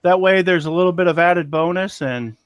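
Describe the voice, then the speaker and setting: Folksy guy selling antiques, kinda high voice, dry close sound, rambles and pokes fun at himself. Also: a little fast, clear, resonant tone, dry recording. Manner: rambling, folksy and self-deprecating. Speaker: antiques seller. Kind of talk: casual chat.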